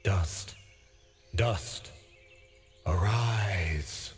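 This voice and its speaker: Slow, solemn ancient sword spirit. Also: male voice, low-pitched, faint music behind. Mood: solemn, commanding. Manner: formal, measured, grave. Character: solemn ancient talking sword, wise and calm male spirit. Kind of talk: video game voice acting.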